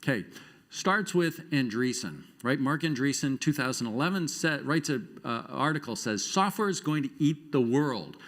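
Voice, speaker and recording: Animated man giving a conference talk. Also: mid-range voice, moderate pace. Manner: animated, self-deprecating storytelling with wry asides. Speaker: conference speaker. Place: conference stage before an audience.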